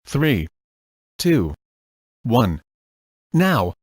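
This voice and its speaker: A man voicing an unhinged young woman who shrieks in sudden outbursts, in a dark comic storybook reading. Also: medium pitch, sing-song, drawn-out words, breathy edge, no echo, studio quality, heavily acted. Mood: fierce.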